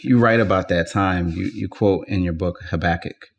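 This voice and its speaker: A man with a low, gravelly voice hosts a faith interview. He listens gently and encouragingly and quotes scripture at a measured pace. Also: muffled recording. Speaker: host.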